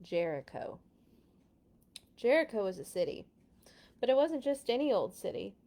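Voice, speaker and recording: With a gravelly, dark, mid-range voice that swings widely in pitch, a woman leads a kids' read-along at a moderate pace. She reads expressively, leaning hard on important words, and mixes in casual asides.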